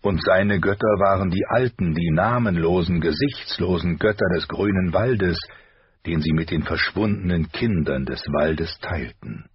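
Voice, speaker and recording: Give me a very husky, deep male audiobook narrator with a dry, dull sound. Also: measured pace, no echo. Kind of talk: scripted narration.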